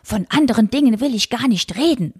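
A woman's voice: fairly high pitch, lively intonation, a little fast, darkish tone, slightly rough, voice pushed up. A woman reading aloud and voicing a fussy, anxious, old-fashioned elderly aunt who frets about convention. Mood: fretful. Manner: fretful, scandalized, clinging to convention.

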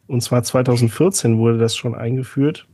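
A man with a dark, husky voice co-hosts a casual podcast. He tells his story sarcastically and fills it with ums and asides. The sound is close and dry. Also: mid-range voice, fairly even intonation, moderate pace, no room sound. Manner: chatty, sarcastic storytelling with many fillers. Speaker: podcast co-host.

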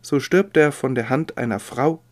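A man preaching a sermon in a measured, expressive reading voice. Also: medium pitch.

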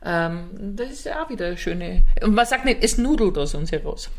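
A woman's voice: fairly low pitch, big pitch swings, brisk. A woman with a Viennese accent co-hosting a comedy podcast, bantering playfully and arguing over words. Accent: Austrian, Viennese. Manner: playful, argumentative wordplay. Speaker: podcast co-host, improv comedian. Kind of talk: casual banter.

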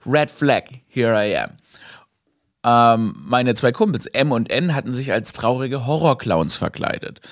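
Young man, podcast host, comic monologue, expressive, dry recording. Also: mid-range voice, unhurried, dry recording. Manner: animated, mixes in English phrases and laughs at his own story.

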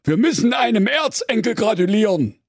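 A man's voice: high voice, big pitch swings, moderate pace, gravelly, dry recording, studio quality, heavily acted. A man voicing a naive, muddled fairy-tale brother who rambles and bumbles through his complaints. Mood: bumbling.

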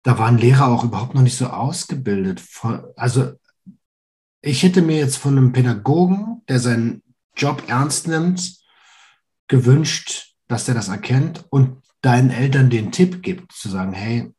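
Man, thirties, mid-pitched voice, podcast host, casual, engaged questions. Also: expressive, a little slow, a little mellow. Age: 30s. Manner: engaged, asks follow-up questions. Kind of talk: casual interview.

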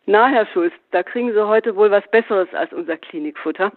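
A man's voice: high voice, brisk, no room sound, voice pushed up, lightly acted. A man voicing a perky young female nursing trainee who squeals and chats. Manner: squealing, chatty. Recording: phone-like narrow band.

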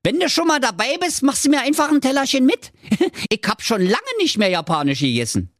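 A man's voice: very high-pitched, very animated, a little fast, fairly bright tone, dry recording, studio quality, pitched above the performer's own voice, exaggerated voice. A man voicing a scrawny, smug young web designer, cheeky and know-it-all. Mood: cheerful.

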